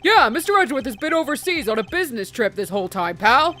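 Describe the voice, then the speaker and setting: Earnest, blustery cop sidekick for a video game, played by a woman: loud, folksy, flustered man. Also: sits high, sing-song, quick pace, soft background music. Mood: defensive. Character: earnest, loud, bumbling male police detective.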